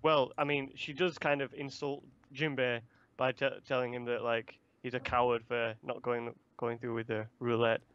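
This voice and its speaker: A man's voice: mid-range voice, level tone, normal speed, few pauses, clean tone, dry recording, lo-fi sound. A man co-hosting a casual manga review, talking in a rambling, chatty way with loose swearing. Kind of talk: casual chat.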